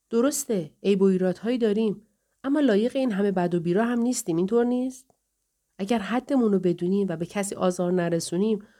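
A woman voicing a brash, cheeky male tavern regular who talks in a raised, pushy, animated way. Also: mid-range voice, natural voice.

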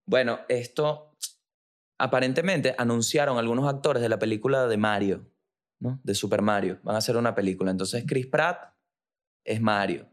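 A man's voice: medium pitch, normal speed. A man with a Venezuelan accent hosting a podcast, riffing through a joking, slangy and profane comic monologue. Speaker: podcast host.

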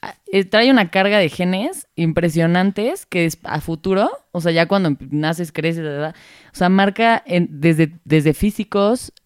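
Young Mexican woman co-host, rambly and giggly, smooth lowish voice. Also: a little slow, no room sound, clean studio sound. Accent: Mexican Spanish. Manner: rambling, many fillers, giggly. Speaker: podcast co-host. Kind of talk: casual chat.

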